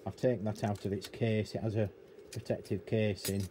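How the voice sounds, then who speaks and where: A middle-aged British man, a radio technician and hobbyist presenter, explains things hands-on at a cluttered indoor electronics workbench in an unscripted, rambling, matter-of-fact way. His voice is lowish and warm, with little pitch movement and a moderate pace. Room noise is noticeable behind him.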